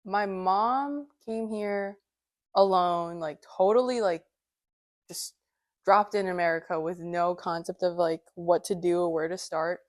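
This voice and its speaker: A woman's voice: on the low side, a little slow, dry recording, studio quality. A young woman interviewed for a documentary, speaking hesitantly with many fillers. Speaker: student interviewee.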